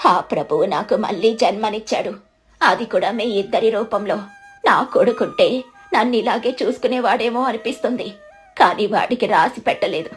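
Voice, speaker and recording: A woman voicing a frail, lonely old village woman who speaks weakly and slowly, in a storybook. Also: medium pitch, soft background music, natural voice. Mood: tender. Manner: weak, slow, pleading. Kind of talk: storybook narration.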